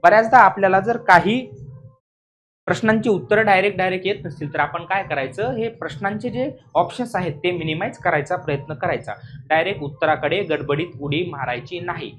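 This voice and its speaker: A man with a Maharashtrian accent explains exam questions like a classroom coach, his voice high, a little fast and fairly bright. He repeats key points emphatically and keeps asking whether students are following. The recording is rough.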